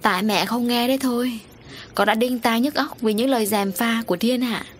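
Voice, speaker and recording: A woman voicing an angry, wronged middle-aged wife who confronts her unfaithful husband in shrill, accusing words. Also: fairly quick, slight background noise, lightly acted. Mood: tearful complaint.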